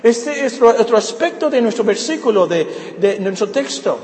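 A male pastor preaching a sermon with animated delivery, repeating phrases for emphasis. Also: very high-pitched, normal speed. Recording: echoey hall with faint ambience.

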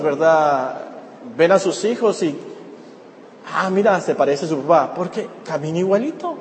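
A man's voice: very high-pitched, darkish tone, slight background noise. A man preaching a sermon as pastor, emphatic and repeating his key words. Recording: roomy echoey hall with faint ambience.

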